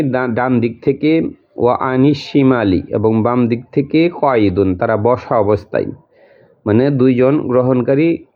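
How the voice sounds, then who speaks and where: Male teacher, mid-pitched, methodical word-by-word lesson, tinny lo-fi recording. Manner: repeats each word and its meaning slowly, step by step. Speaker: Quran translation teacher. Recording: tinny phone-like audio.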